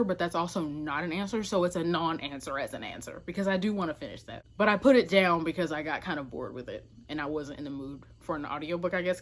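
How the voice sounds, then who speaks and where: A woman with a low-pitched, fairly bright voice talks casually to camera as a book vlogger. She keeps things informal and emphatic, pausing to correct herself with little asides.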